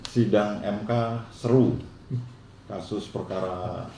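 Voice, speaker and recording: A man's voice: fairly low pitch, steady tone, slow, creaky, dark tone. A man asking questions as an interviewer. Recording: roomy echo, faint background noise.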